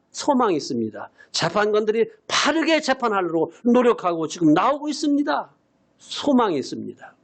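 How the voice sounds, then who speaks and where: A man in his eighties preaching a sermon as senior pastor. He repeats his key phrases for emphasis and sometimes breaks into shouts. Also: high-pitched. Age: 80s.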